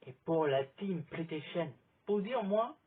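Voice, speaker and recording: A man's voice: on the high side, lively intonation, slow pace, breathy edge. A man vlogging in a casual, rambling chat, filming himself on a phone outdoors. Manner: rambling, chatty recommendations. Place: outdoors in sunlight. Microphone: phone camera. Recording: thin phone-like sound.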